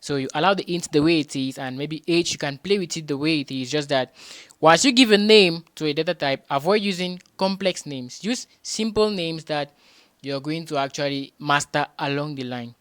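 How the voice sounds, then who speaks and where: A man's voice: on the high side, moderate pace, a bit bright, no echo. Patient man teaching coding, dry sound. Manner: patient and repetitive, restates points with rhetorical questions; frequent hesitations and restarts. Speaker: programming tutor. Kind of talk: beginner coding tutorial.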